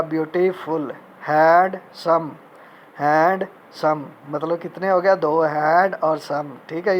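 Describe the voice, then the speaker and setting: A man teaching a recorded grammar lecture in Urdu, reading out English example sentences and repeating each point slowly. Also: fairly high pitch, slight background noise. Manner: mixes Urdu speech with spoken English examples.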